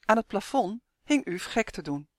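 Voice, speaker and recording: A woman narrates a children's fantasy book in a steady, expressive manner. Her voice sits at a middle pitch. The recording is dry and close. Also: no echo. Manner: measured, expressive storytelling. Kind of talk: audiobook narration of a children's story.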